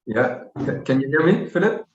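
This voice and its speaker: A man's voice: medium pitch, expressive. Man on a muffled echoey video call. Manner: measured, thinks aloud with pauses. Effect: heard over a video call. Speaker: guest critic, structural engineer. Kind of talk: giving feedback on a student project.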